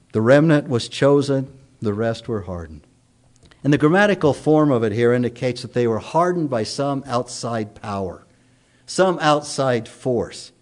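A man preaching a sermon, stressing points by repeating phrases and slowing down on key lines. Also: mid-range voice, darkish tone. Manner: emphatic repetition, slows down for key points. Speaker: pastor.

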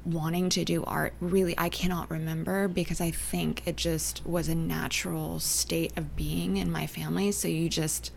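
A young adult woman from Canada and Northern California, chatting as an interview guest, soft-spoken and often trailing off into near-whispers. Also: sits low, little pitch movement, moderate pace, creaky, hardly any pauses, slight background noise. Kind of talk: casual interview chat.

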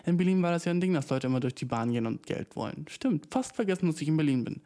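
A man's voice: a little high, expressive, fast talker, warm tone. A young man hosting a podcast in a casual, rambling monologue, swearing often and dropping English slang into his speech. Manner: rambling, profane, slangy, mixes in English words. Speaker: podcast host.

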